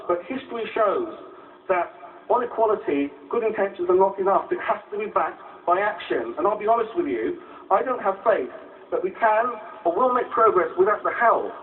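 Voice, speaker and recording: A man delivering a political conference speech as a delegate, emphatic and given to rhetorical repetition. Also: sits high. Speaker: political party delegate proposing a motion. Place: conference hall, speaking to delegates. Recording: distant, tinny narrow-band hall microphone, faint noise.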